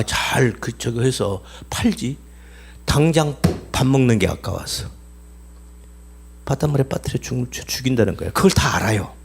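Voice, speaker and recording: A man's voice: fairly high pitch, husky. A man preaching a sermon, telling a story with many repetitions and questions to the congregation. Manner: animated, repeats himself, asks the congregation questions. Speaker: pastor.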